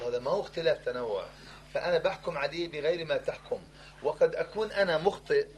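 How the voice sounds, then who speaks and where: A man's voice: a little high, slight background noise, low-quality recording. A man pressing questions in a heated religious discussion, insistent and argumentative, repeating himself to drive his point home.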